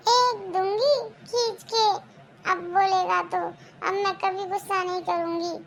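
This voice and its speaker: A performer voicing a harsh scolding mother-in-law in a homemade cartoon, shrill and rapid when angry. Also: a bit bright, slight background noise, exaggerated voice. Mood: mock-stern. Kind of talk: cartoon voice acting.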